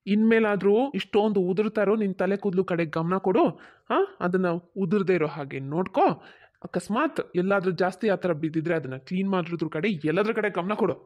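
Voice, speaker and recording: A woman's voice: mid-range voice, brisk, dull audio, lightly acted. A woman voicing a young husband in a cartoon who teases, then consoles and advises his wife. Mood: advising. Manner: soothing, gently teasing. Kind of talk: cartoon voice acting.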